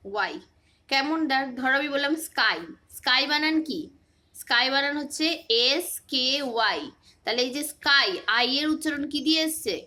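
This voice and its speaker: A woman's voice: high voice, moderate pace, sharp tone. A woman teaching a casual phonics lesson, patiently quizzing her pupil with repeated questions.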